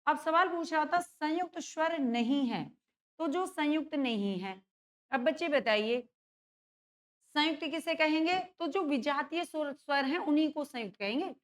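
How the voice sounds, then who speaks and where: Woman teacher, high voice, exam-prep lesson; keeps asking the class and answering herself. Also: expressive, normal speed. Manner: checks in with students often, asks and answers own questions.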